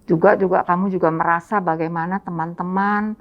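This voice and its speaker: A woman hosting a church talk show, gentle and affirming with her guests. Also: lowish voice, steady tone, fairly quick, highs cut off. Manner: gentle, affirming, frequent murmured agreement.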